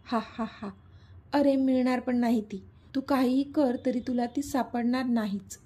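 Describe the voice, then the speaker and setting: A cruel, taunting male villain from an audio story, read by a woman. The voice sits fairly high and mellow with a husky edge. He sneers through every line. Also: fairly even intonation, normal speed. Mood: sneering. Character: cruel mocking middle-aged male villain.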